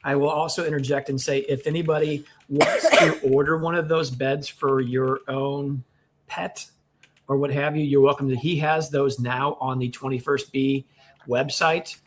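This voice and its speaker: A man co-hosts a casual livestream, breaking in with relaxed side comments. His voice sits at a middle pitch, with a faint hiss of noise behind him. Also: normal speed. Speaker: co-host.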